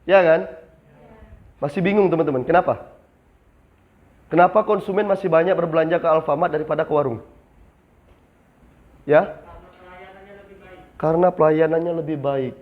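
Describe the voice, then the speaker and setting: A man's voice: fairly high pitch, fairly even intonation, normal speed, long pauses. A young man training new retail staff in a classroom, asking the class questions and answering them himself. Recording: slightly dull lo-fi sound.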